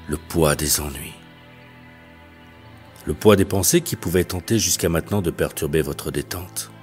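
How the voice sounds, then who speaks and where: Deep-voiced guy doing slow hypnosis, words all detached, faint music under it. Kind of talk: guided hypnosis session. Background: soft music.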